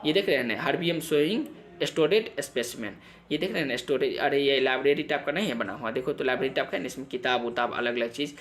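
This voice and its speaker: A young male biology teacher giving an exam-prep lecture, drilling students with repeated questions and answers and reading English textbook lines haltingly. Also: medium pitch, a bit bright. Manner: switches between Hindi and halting read-aloud English.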